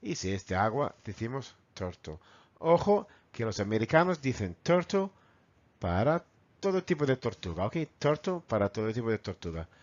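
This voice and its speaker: Lively Spanish-accented man teaching vocabulary. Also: medium pitch, lo-fi sound. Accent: Spain Spanish. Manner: animated, mimics animal sounds, repeats words slowly. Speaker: English teacher. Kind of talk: bilingual vocabulary lesson.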